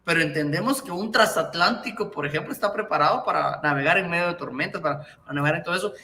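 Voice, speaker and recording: High bouncy male voice, interview host, bright tone. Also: fast, a little hiss or hum. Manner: enthusiastic, warmly agreeing. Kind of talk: interview questions.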